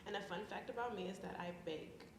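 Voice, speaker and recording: A young woman introduces herself to a group in a casual, friendly way. Her voice sits in the middle range, and the room is echoey with clear background noise. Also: medium pitch, fast. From Cleveland, Ohio. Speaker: student. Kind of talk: self-introduction.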